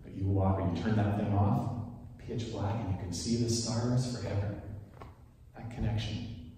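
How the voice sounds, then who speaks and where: A Swiss-born man in his forties whose first language is French, giving a relaxed, chatty sermon as worship leader into a handheld mic in a large church. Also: fairly low pitch, moderate pace, slight background noise. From Switzerland. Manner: relaxed storytelling, chatty asides. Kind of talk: conversational sermon. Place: large wood-panelled church sanctuary. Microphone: handheld microphone, filmed from far. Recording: echoey church hall from a distance.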